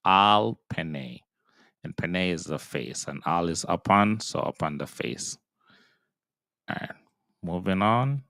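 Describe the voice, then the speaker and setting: A man's voice: low-pitched, animated, measured pace, creaky, long pauses, a bit bright, dry recording, studio quality. A man teaching Hebrew reading in a patient, step-by-step pronunciation lesson, sounding out syllables and repeating them.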